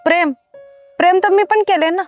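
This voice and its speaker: Actress as a dismissive mistress with a high voice, clipped and cold. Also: female voice, fairly even intonation, normal speed, highs cut off, soft background music. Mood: fed up. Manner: curt, dismissive. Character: fed-up married mistress, sharp-tongued. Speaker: married lover. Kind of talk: comedy film acting.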